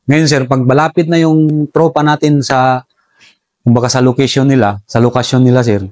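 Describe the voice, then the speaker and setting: A soldier telling how the enemy operated, in a relaxed interview, respectfully calling his listener sir throughout. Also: mid-range voice, moderate pace, no echo. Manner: respectful, says "sir" constantly. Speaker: soldier recounting enemy tactics. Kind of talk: casual interview storytelling.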